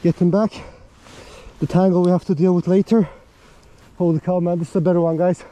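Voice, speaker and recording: A man fighting a fish on a frozen lake pours out breathless, excitable commentary to his viewers. He talks in a high, intense, forceful voice, outdoors in the open air. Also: a little fast. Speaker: fishing vlogger. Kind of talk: excited live commentary while ice fishing.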